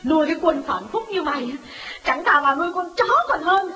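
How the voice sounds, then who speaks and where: A woman's voice: sits high, animated, a little fast, bright, forceful tone. A woman voicing a betrayed village wife near thirty, who screams insults and wails through tears in a told story. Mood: bitter. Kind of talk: audiobook drama voice.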